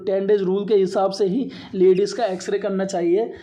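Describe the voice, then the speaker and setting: The man is a radiography instructor who moves through his slide lecture one point at a time, reading things out and then going over them again. His voice sits high with a steady, dark tone at a moderate pace, and the recording's highs are cut off.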